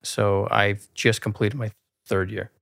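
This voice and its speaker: A man's voice: fairly low pitch, little pitch movement, a little slow, gravelly, fairly bright tone, no echo, studio quality. A man in his thirties, a guest on a podcast, talking casually and earnestly with many fillers. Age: 30s. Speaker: guest realtor.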